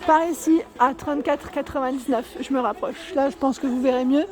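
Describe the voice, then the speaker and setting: A woman's voice: sits high, fairly quick. A woman vlogging a walk through a furniture store, reading out prices and sizes one by one and correcting herself now and then. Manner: reads out prices and sizes in a steady list, with small self-corrections. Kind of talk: casual store walkthrough vlog.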